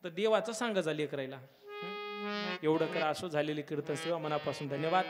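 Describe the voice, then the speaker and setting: A man preaching a devotional kirtan sermon at a village gathering, fervent, swelling to loud exclamations. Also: on the high side, moderate pace, over music. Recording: long hall reverb with harmonium and tabla.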